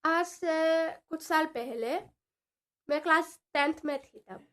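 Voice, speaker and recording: A woman in her twenties telling a personal story in an animated, dramatic way, mixing in English words and slang. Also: high-pitched, slow. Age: 20s. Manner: animated, dramatic retelling with frequent asides. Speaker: vlogger. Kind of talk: casual storytelling vlog.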